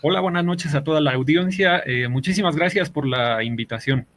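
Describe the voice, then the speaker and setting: A man's voice: on the high side, fairly quick, a bit bright. A man in his forties with a Mexican accent, a podcast guest telling long stories with many fillers. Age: 40s. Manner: rambling storyteller, many fillers. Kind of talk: podcast interview.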